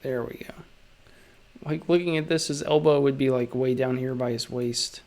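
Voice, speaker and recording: A man live-streaming while he draws, chatting casually in a monotone because of a sore throat. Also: mid-range voice, normal speed. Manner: monotone delivery. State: sore throat, resting his voice. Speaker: illustrator live-streaming his drawing.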